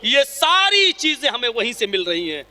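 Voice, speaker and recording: High-pitched, impassioned man preaching in a hall. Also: sing-song, bright, forceful tone. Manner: impassioned, emphatic repetition. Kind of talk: sermon storytelling. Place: large hall at a school function. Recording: reverberant hall with PA.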